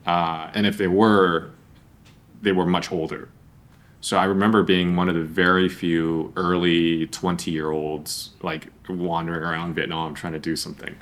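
This podcast interview features a young male host whose questions run long, rambling and conversational. He speaks at a moderate pace in a low, fairly bright voice that barely moves in pitch.

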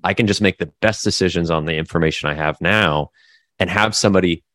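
A man from the American Midwest, talking casually as an interview guest, halting with many fillers and restarts. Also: low-pitched, fairly bright tone, no echo. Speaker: guest business owner.

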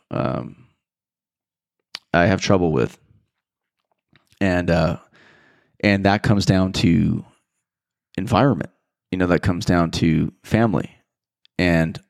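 A man's voice: low-pitched, lively intonation, slow pace, creaky, long pauses, a little mellow, no room sound, studio quality. A man hosting a podcast, talking in a casual, reflective monologue that rambles thoughtfully, with frequent restarts and fillers. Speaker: podcast host.

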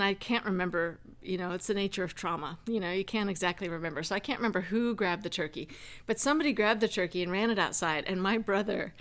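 Chatty wry woman telling a story. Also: mid-range voice. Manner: chatty, wry, with asides and fillers. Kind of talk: personal anecdote told casually.

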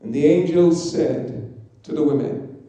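A man preaching in a slow, measured sermon, leaning on dramatic pauses. His voice is fairly high for a man yet warm and mellow, and it rings out through a very echoey hall. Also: gravelly.

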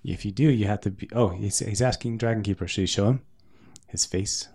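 A man's voice: on the low side, a little fast, a little mellow, slightly rough. A middle-aged man running a family tabletop game as game master, patiently guiding and explaining the rules to his kids.

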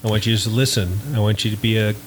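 A man's voice: lowish voice, little pitch movement, fast, background noise. A man hosting a casual group podcast, chatty and joking, often laughing as he explains things. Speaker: podcast host.

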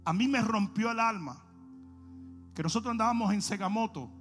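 A male pastor preaching a sermon in an animated storytelling manner, speaking to his congregation. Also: high-pitched, normal speed, soft background music.

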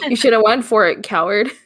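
A woman's voice: a little high, husky. A woman on a tabletop game podcast chatting casually, teasing the others and laughing often. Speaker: podcast player.

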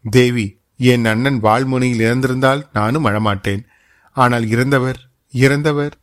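A man's voice: medium pitch, normal speed, lightly acted. A man voicing a guilt-ridden young noblewoman, pleading in distress. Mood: tearful.

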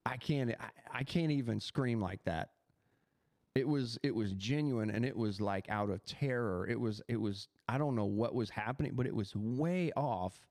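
A man's voice: mid-range voice, normal speed, no echo, clean studio sound. Man telling a dramatic personal testimony. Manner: animated storytelling with many restarts. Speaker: podcast host.

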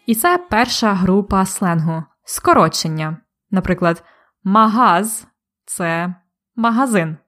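A woman teaching a language lesson, speaking deliberately and clearly and repeating each example word. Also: on the low side.

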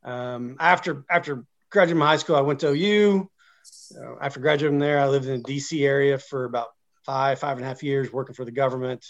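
A man's voice: mid-range voice, brisk. Guy in his 40s, rambly and friendly, lots of ums, muffled sound. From Oklahoma. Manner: friendly, rambling with many fillers. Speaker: guest. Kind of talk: casual interview chat.

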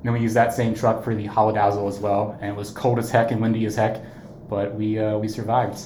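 A man's voice: lowish voice, level tone, brisk, darkish tone. Easygoing male podcast host, roomy sound. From Ohio, USA. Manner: easygoing, laughs often. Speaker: podcast co-host, marketing agency owner. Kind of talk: casual podcast chat. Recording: roomy, faint background noise.

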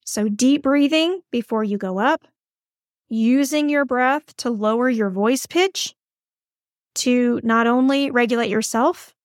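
A woman podcast host who works as a school counselor gives upbeat, encouraging advice in a chatty coaching monologue. Her voice is on the high side, recorded dry with clean studio sound.

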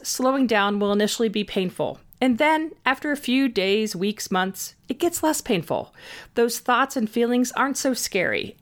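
A woman host giving scripted self-help advice in an upbeat, orderly way, leaning on key words. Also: a little high. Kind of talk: scripted advice narration, tips addressed to the listener.

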